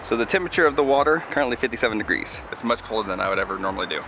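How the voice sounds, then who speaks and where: A man's voice: mid-range voice, lively intonation, very fast, music in the background. A man talking casually to camera outdoors as a vlogger. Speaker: vlogger doing a cold plunge challenge. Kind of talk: casual vlog talk to camera.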